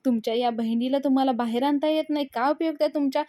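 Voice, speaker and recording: A hot-headed young man, as a woman puts him on who taunts and shouts at his rival. The delivery is loud and sneering with a raised pitch. The sound is close and dry. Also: fairly quick, no echo, natural voice. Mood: taunting.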